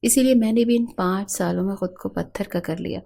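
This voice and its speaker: A woman narrating a romance novel in the first person, with steady, measured storytelling. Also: mid-range voice, vocal fry. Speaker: audiobook narrator.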